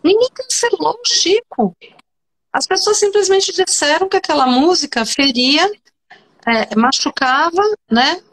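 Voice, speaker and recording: A woman's voice: high-pitched, measured pace, a bit bright. A Brazilian woman psychoanalyst talking animatedly as a guest in an online interview, emphatic and often restarting her sentences. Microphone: video call.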